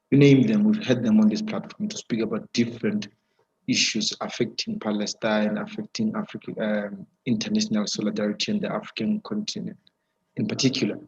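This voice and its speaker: Webinar host, male, lowish voice, heard through a dull, lo-fi video call line; halting delivery with lots of "uh" and "um". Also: a little mellow. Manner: halting, with many fillers and restarts. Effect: heard over an online video call with a weak connection. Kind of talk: hosting a live webinar interview.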